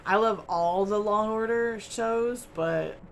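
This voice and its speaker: A woman hosting a crochet channel talks casually to her camera at home, wandering from point to point with plenty of ums. Her voice has a gravelly edge. A faint hiss of noise sits behind her. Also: medium pitch, a little slow. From United States. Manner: chatty, rambling, with frequent ums and little laughs.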